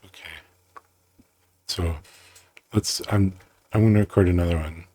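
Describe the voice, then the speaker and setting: A man explaining his own programming system in a casual, rambling way, halting and restarting often, with a playful tone. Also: deep voice, steady tone, mellow. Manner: halting, self-interrupting, playful, muses aloud.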